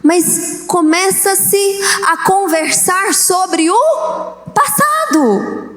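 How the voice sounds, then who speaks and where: High-voiced woman preaching in an echoey hall. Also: very slow. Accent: Brazilian Portuguese. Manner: animated preaching, acts out quoted voices. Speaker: bishop preaching. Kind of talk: sermon. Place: church.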